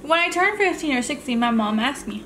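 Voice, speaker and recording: A woman's voice: sits high, lively intonation, fairly quick, noisy background. A woman hosting a mukbang video, chatting casually and rambling between bites of food. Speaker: mukbang channel host. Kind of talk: casual chat while eating on camera.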